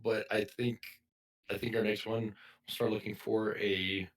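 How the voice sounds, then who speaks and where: A man with a raspy voice from being sick, hosting a casual podcast in a halting way. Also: lowish voice, level tone, far from the mic. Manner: halting, with restarts. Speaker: podcast host.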